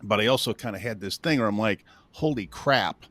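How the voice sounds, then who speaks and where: A man's voice: lowish voice, animated, brisk, a bit bright. A man in his fifties from northern Illinois, a real estate coach telling his story in a casual interview with a self-deprecating, joking manner. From northern Illinois, USA. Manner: self-deprecating, laughs at his own stories.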